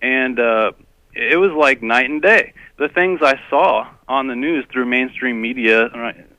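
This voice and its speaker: A man's voice: mid-range voice, measured pace, no room sound. A man from Texas, a guest on a radio interview, who talks in a hesitant way, full of ums and uhs. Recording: dull lo-fi radio audio.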